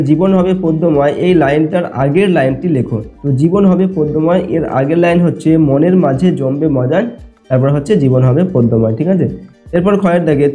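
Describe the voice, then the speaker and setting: Man teacher, slightly high mellow voice, patient and step-by-step, soft music underneath. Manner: explanatory, checks in often with "ঠিক আছে?". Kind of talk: exam answer walkthrough lesson.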